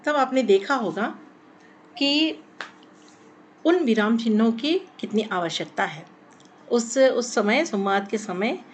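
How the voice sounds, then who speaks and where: Woman teacher, patient step-by-step explaining, medium-pitched voice, faint background hiss. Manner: explains step by step, repeats words, rhetorical questions. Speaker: Hindi teacher. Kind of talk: classroom lesson on punctuation.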